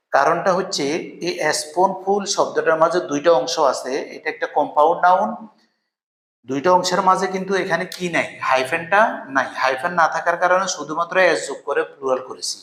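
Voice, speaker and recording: A man teaching English grammar in Bengali, reading the English example sentences slowly and asking questions that he answers himself. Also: on the high side, a bit bright. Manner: asks rhetorical questions, then answers them. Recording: echoey room.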